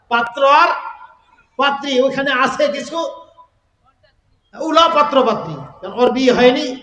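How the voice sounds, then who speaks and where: A man delivers a fervent sermon in a strikingly high voice and keeps asking his listeners rhetorical questions. He draws out the verses he quotes in a singing chant. The sound carries a long, echoing reverb, as if recorded in a large hall. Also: bright, forceful tone. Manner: asks the crowd rhetorical questions. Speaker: preacher.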